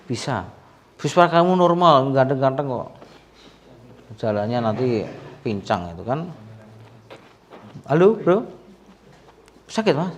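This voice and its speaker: A man's voice: medium pitch, very animated, slow pace, long pauses. A male sports massage therapist, explaining to viewers while treating a patient, chatty and full of sympathetic exclamations. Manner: chatty, alternates coaxing the patient and addressing viewers.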